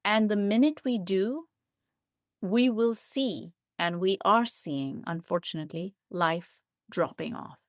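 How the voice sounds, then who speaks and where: A biologist and writer, interviewed as a guest, explains things slowly in a thoughtful, descriptive, earnest way, repeating points for emphasis. Her medium-pitched voice is recorded at studio quality with no room sound.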